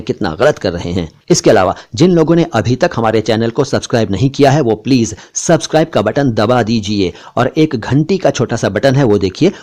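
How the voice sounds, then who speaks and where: A man teaching Hindi and Urdu diction, speaking slowly and deliberately and repeating each sound and word to demonstrate it. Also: medium pitch, darkish tone. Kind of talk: pronunciation lesson. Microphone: studio voice-over for slide shows.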